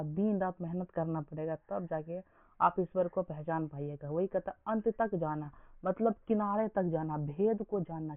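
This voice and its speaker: A young man with a high-pitched voice runs an exam coaching lesson, firing repeated questions at his listeners. There's no echo, and the recording is dry with a lo-fi, phone-like quality.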